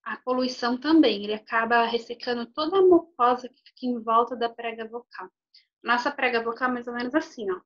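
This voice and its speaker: A woman's voice: a little high, brisk. Woman speech therapist on a video call, explanatory and chatty, slightly muffled lo-fi sound. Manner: explanatory, uses frequent "tá bom?" check-ins. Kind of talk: informal health talk.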